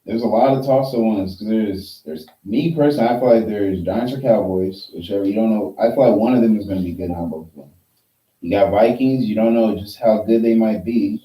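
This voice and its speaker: A man's voice: fairly low pitch, fairly quick, mellow. A man co-hosting a podcast, laid back and thinking aloud as he lists his football picks. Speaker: podcast co-host. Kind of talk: casual sports chat. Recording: roomy echo, mic at a distance.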